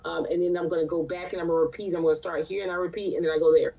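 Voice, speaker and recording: A woman's voice: lowish voice, flat delivery, racing, vocal fry, warm tone. A woman teaching a live recitation class in a conversational way, often checking in with her students. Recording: distant, dull lo-fi sound.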